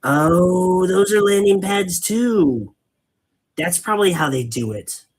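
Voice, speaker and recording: A man's voice: high-pitched, lively intonation, takes it slowly, husky. A man hosting a casual hobby painting stream, rambling and patiently explaining things, cracking corny dad jokes. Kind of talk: casual live-stream chat while painting.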